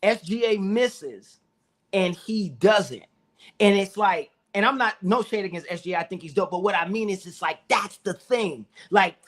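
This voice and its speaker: A man with a fairly high voice chats casually as co-host of a sports talk show. He tells stories with animation and acts out what his friends said.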